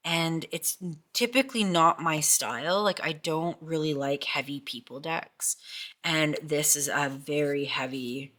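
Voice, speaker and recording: Gushing woman with a low, bright voice. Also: a little slow. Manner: gushing, repeats herself. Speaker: tarot vlogger. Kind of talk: casual chat.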